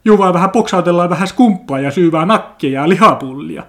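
A man's voice: high-pitched, lively intonation, voice pushed up. A man putting on the voice of a smug male graduate partygoer, in a mocking, sing-song way with cackling laughs.

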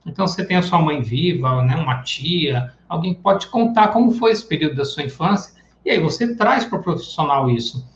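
High-voiced man giving a casual lecture. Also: lively intonation, a little fast, few pauses. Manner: casual and chatty, acting out everyday examples. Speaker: psychoanalysis teacher. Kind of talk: live online lecture. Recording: echoey room, dull lo-fi sound.

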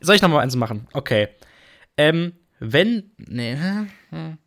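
A man's voice: fairly high pitch, very animated, measured pace, vocal fry, a bit bright. A man co-hosting a casual podcast chat, joking around and rambling on between topics. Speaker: podcast co-host.

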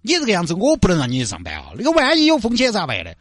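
A man's voice: sits high, wildly swooping pitch, very fast, fairly bright tone, no room sound, clean studio sound, pitched above the performer's own voice, full character voice. A man doing a fussing Sichuanese bus driver. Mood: persuading. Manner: coaxing, fussing, chatty. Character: kindly fussing middle-aged male bus driver.

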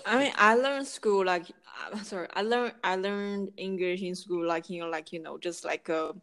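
A woman's voice: medium pitch, normal speed, a bit bright. A woman in her twenties with a Thai accent chats casually, often dropping in "like" and "you know". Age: 20s. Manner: peppers speech with "like" and "you know". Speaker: conversational co-host. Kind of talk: casual chat.

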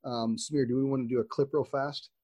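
A man co-hosting a podcast in a casual, excitable way, throwing in slang and plenty of fillers. His voice is husky and a bit breathy. The sound is dry and close, with no room echo. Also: mid-range voice, quick pace, muffled recording. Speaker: podcast co-host.

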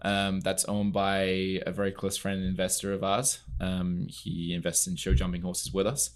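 A man's voice: low-pitched, level tone, normal speed. A young man from England, a guest in a studio interview, talking earnestly with many fillers. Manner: earnest, storytelling, frequent fillers. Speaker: podcast guest, equestrian entrepreneur. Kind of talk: casual interview chat. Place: podcast studio.

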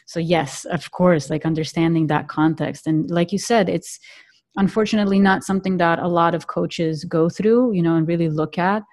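A woman's voice: fairly low pitch, moderate pace, darkish tone, no echo, clean studio sound. A woman from Serbia hosting an interview as a coach, talking casually with lots of "you know" and "right". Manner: chatty, frequent fillers like "you know" and "right". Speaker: podcast host, coach. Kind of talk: conversational interview.

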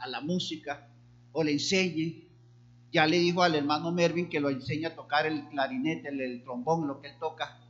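Middle-aged male pastor, high voice, animated sermon delivery, slightly muffled recording. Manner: animated, mimics hesitant congregants in a higher voice.

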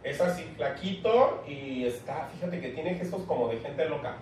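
A young Mexican man co-hosting a casual chat, telling a slangy, animated story. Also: moderate pace. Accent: Mexican Spanish. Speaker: co-host. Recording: echoey room, far from mic, faint rumble.

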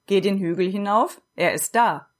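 A woman reading a storybook aloud and voicing a calm, self-assured little wooden girl who speaks in a matter-of-fact way. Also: mid-range voice, normal speed, lightly acted.

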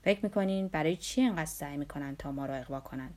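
A woman's voice: sits low, a little mellow, close to an everyday voice. A woman reading the lines of a cynical middle-aged male doctor in an audiobook, in a dry, lecturing manner. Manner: dry, lecturing, sweeping claims.

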